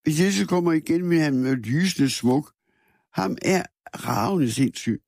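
Gravelly man reading a somber story. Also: on the high side, animated, darkish tone, dry recording, studio quality. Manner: measured, somber reading with small restarts. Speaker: narrator. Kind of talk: first-person literary narration read aloud.

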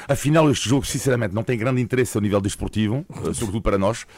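A man's voice: lowish voice, fast, darkish tone, dry recording. A man with a European Portuguese accent, hosting a radio sports segment in a playful, explanatory way.

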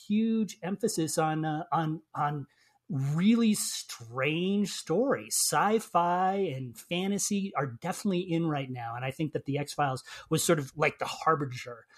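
A man's voice: on the high side, measured pace. A man on a podcast panel, giving thoughtful and emphatic opinions. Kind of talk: casual chat.

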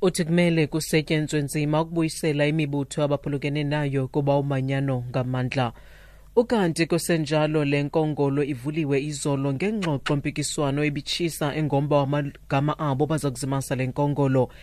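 Fast South African male newsreader, dry studio. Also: a little high, level tone, a little mellow, dry recording. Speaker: news reader. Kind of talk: scripted radio news bulletin.

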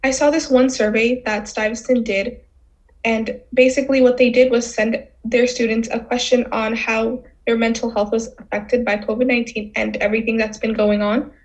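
Earnest teenage girl, slightly high voice. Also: little pitch movement, moderate pace, low-quality recording. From Bangladesh, raised in New York City. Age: teens. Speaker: student guest. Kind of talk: personal testimony.

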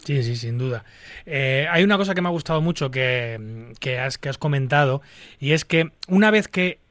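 A man's voice: medium pitch, lively intonation, normal speed, fairly bright tone, dry recording. A man from hosting a podcast interview, agreeable and asking long, winding questions. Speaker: podcast host.

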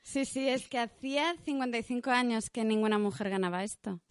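A woman hosting a podcast, introducing a guest in a friendly, smooth manner. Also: fairly high pitch, fairly quick, no echo, clean studio sound. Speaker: podcast host.

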